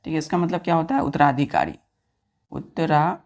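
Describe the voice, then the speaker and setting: A woman with a deep, slightly mellow voice teaches grammar at a quick pace. Spelling each word letter by letter, she repeats answers and keeps making sure her students have understood.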